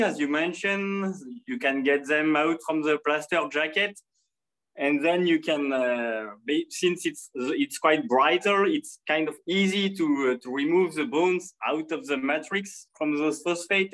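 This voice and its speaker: A man's voice: fairly high pitch, fairly bright tone, poor audio. A native French-speaking man with a French accent, casually commenting as a fossil preparator on a video call from his apartment. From France. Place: apartment, indoors.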